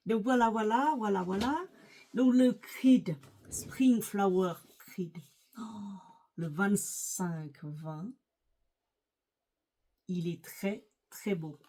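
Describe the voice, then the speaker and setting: A middle-aged woman talks casually to her viewers at a slow, unhurried pace. She is chatty and hesitant, often restarting her sentences and filling pauses. Her pitch sits in an ordinary middle range. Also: mellow. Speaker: lifestyle vlogger. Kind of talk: casual chat about perfumes.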